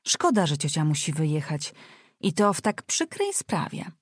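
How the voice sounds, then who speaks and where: A woman reading aloud, voicing a polite young man who speaks with dry, gentle irony. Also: low-pitched, very animated, normal speed, slightly rough, dry recording, full character voice. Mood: wry polite. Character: polite, wry young nobleman, nephew.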